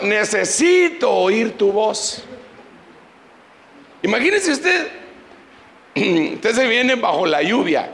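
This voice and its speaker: A man's voice: high voice, creaky, a bit bright, roomy sound, in a large hall, a little hiss or hum, poor audio. A man preaching a sermon as pastor, leading the congregation in prayer. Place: church.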